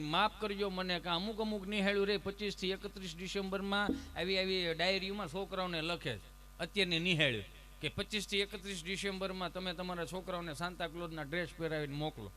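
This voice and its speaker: High, bright-voiced folk storyteller. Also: male voice, slight background noise. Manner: animated, jokey, preacherly. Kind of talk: humorous folk storytelling performance. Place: ashram event.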